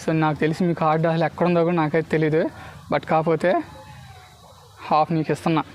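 A man's voice: a little high, level tone, brisk, darkish tone, slight background noise. A man with a Telugu accent giving street performer patter for a card trick, mixing in English words and constantly checking that spectators follow. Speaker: street magician.

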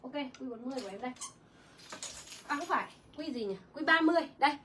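Fast-talking woman selling clothes live. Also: sits high, lively intonation, noisy background. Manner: chatty, rapid, reads viewer comments aloud. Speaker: online clothing seller. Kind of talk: livestream sales pitch.

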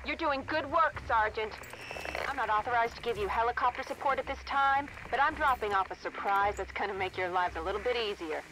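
Game commander over a military radio, bright tone, clipped radio talk, faint noise behind. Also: female voice, on the high side, fairly quick, low-quality recording. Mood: brisk. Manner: clipped radio protocol, businesslike. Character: woman commander on military radio, calm and brisk. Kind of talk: video game dialogue.

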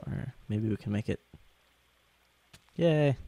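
Slow, sore-throated young man with creaky voice. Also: lowish voice, animated, mellow. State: sick with a sore throat, swollen-tonsils sound. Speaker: gaming video host. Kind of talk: casual gameplay commentary.

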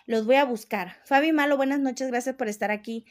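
A woman's voice: sits high, a little fast. A Mexican woman hosting a casual live stream, reading out viewer comments in a chatty, teasing way and laughing often.

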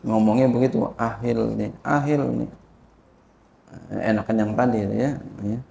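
A man teaching an informal religious lesson, slowly explaining a classical text, checking understanding and chanting Arabic phrases. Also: steady tone, creaky, mellow, slight background noise. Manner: slow and repetitive, frequent "ya" and "paham?" checks, chants Arabic phrases higher. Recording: echoey room.

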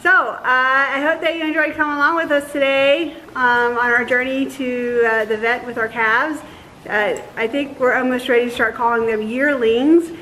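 Woman in her 30s, relaxed farm-vlog explainer, slightly higher voice, open barn. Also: normal speed, a little hiss or hum, poor audio. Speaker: dairy farmer, co-host. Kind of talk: casual farm vlog talk. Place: open-sided barn outdoors.

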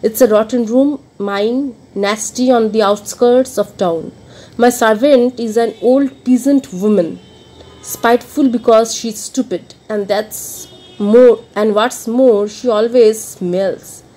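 A woman reading a first-person novel aloud as an audiobook, expressive and dramatic, moving between rueful murmurs and emphatic outbursts. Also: fairly high pitch, takes it slowly, rough recording. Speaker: audiobook reader.

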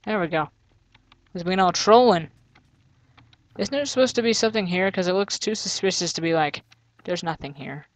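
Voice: medium pitch, moderate pace, no room sound. A gamer giving casual let's-play commentary, thinking aloud, grumbling and joking sarcastically. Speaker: gamer playing through a custom map.

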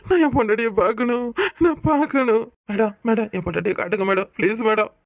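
A frantic, pushy young husband. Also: female voice, on the high side, fast, creaky, no room sound. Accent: southern Tamil Nadu. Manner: shouting, insistent.

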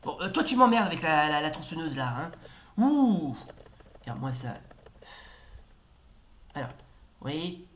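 A man talks through a retro game as he plays it, rambling and full of fillers. He jumps into repeated excited warnings and exclamations. Faint background noise and keyboard clicks sit under his voice. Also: a little high, measured pace, long pauses. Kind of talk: casual gameplay commentary.

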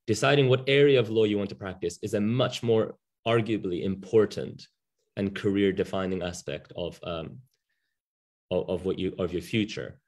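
On a webinar panel, a man in his thirties who is a barrister and native Japanese speaker talks over video call from a room at home. His voice is lowish and darkish at a moderate pace, and he speaks candidly, often saying um and restarting.

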